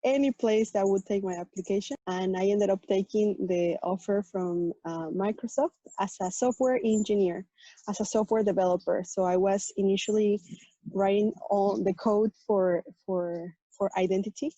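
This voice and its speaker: A woman's voice: mid-range voice, mellow, no echo, highs cut off. A woman from Mexico, a native Spanish speaker with a Mexican Spanish accent, earnestly introducing herself and her tech work on a panel. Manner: earnest, explanatory, with "um" pauses. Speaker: tech panelist, program manager.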